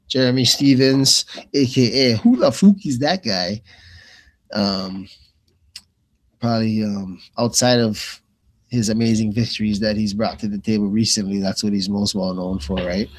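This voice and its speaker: Speaking unhurriedly in a lowish voice with long pauses, a radio host delivers live fight commentary in a relaxed, meandering way, repeating phrases as thoughts come to him. The audio quality is poor.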